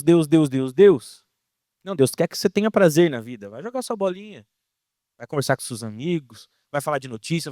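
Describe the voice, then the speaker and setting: A young man with a Brazilian accent preaching a casual, slang-filled sermon in an animated way. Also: on the high side, dry recording, studio quality. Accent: Brazilian Portuguese.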